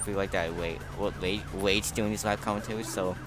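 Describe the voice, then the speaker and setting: A man giving unhurried, relaxed game commentary in a low voice, halting often and repeating words as he explains. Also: background noise. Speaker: gaming video host. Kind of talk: recorded gameplay commentary.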